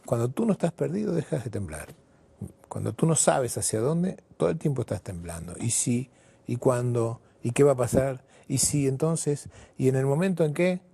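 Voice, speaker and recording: A man from Argentina, a therapist and writer telling stories in an interview with emphatic pauses. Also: medium pitch, vocal fry, breathy edge. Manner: expressive storyteller, emphatic pauses. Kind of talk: storytelling in an interview.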